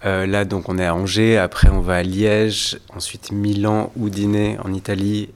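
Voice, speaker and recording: Deep-voiced young actor, casual and eager. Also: male voice, level tone, moderate pace, smooth. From Paris, France. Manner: casual, enthusiastic. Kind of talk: casual interview.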